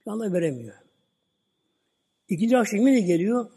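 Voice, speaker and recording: A man gives a storytelling sermon in a husky, breathy voice that sits a little high yet sounds mellow. He retells the tale at an easy pace and ends his phrases with a habitual filler. His voice rings out with a long reverb, as if recorded in a large hall. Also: normal speed. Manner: relaxed retelling, "böyle" at line ends. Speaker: preacher. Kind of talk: religious talk with storytelling.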